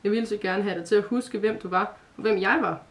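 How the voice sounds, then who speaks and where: A woman's voice: medium pitch, fairly even intonation, lightly acted. A woman reading as a shy dream spirit boy. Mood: earnest.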